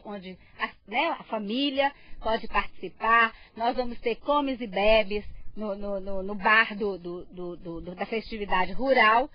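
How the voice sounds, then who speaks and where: High-voiced Brazilian woman being interviewed. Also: no echo. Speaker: event coordinator. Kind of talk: interview statement. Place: outdoors on a farm. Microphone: handheld reporter microphone. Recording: dull TV field audio.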